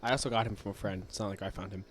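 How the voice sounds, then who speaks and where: A man's voice: fairly low pitch, steady tone, very fast, a bit bright. A young man co-hosting a casual comedy podcast, rambling and joking with a friend. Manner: joking, rambling, trips over tongue twisters. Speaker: podcast co-host. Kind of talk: casual chat.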